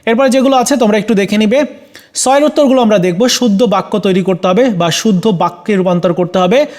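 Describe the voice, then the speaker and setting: High-voiced man walking through exam answers. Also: quick pace, darkish tone. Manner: plain, methodical, addresses students directly, frequent "ah" fillers. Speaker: teacher.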